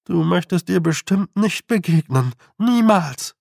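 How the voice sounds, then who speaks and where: A dry, knowing talking toad, as a man reads it mutters wry advice. The voice is gravelly and slow. It comes close and dry, as in an audiobook. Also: high voice, animated, a little mellow, dry recording, voice pushed up, exaggerated voice.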